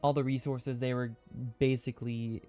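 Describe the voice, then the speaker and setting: A man of ordinary pitch streaming a card game, his talk loose and rambling as he reasons through each choice. His words come out a touch thick from the retainers he has in. Faint music plays underneath. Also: level tone, moderate pace, warm tone. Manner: thinking aloud, chatty, reads chat comments. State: wearing dental retainers, slightly hindered speech. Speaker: streamer playing a video game. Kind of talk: casual live-stream commentary.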